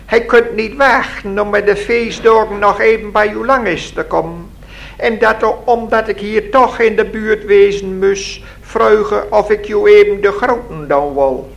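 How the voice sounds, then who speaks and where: A man voicing a sly, sinister little man who boasts about carrying bombs, in a high, squeaky, sneering voice. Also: measured pace, gravelly. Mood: boastful. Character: sly sinister little man, cold-handed bomb carrier.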